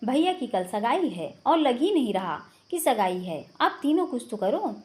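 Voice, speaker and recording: A woman's voice: fairly high pitch, sing-song, measured pace, darkish tone. A woman voicing an eager teenage boy, a younger brother pleading for fun.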